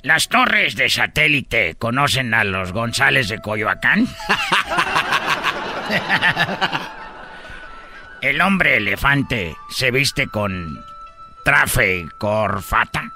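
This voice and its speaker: A joking Chinese character, as a man puts him on for a radio comedy sketch, who talks slowly and then jumps into sudden high shouts. His tone is very bright and ringing, with light music under the talk. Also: very animated, full character voice.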